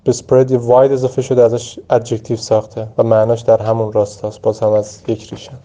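A man whose first language is Persian, teaching English vocabulary by saying each word slowly several times with short explanations. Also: medium pitch, completely flat delivery, mellow. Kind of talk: pronunciation drill for vocabulary.

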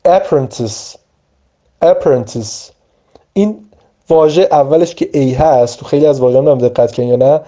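A man teaching English vocabulary, repeating each word slowly and deliberately before giving its meaning. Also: a little high, warm tone. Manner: slow, deliberate word-by-word pronunciation drills. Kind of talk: vocabulary lesson.

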